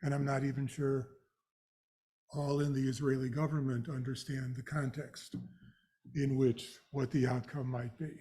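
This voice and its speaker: Older male lecturer. Vocal fry, mellow relaxed tone, halting explanatory delivery to a live audience. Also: mid-range voice. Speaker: guest speaker, retired executive director. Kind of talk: educational presentation to a live audience.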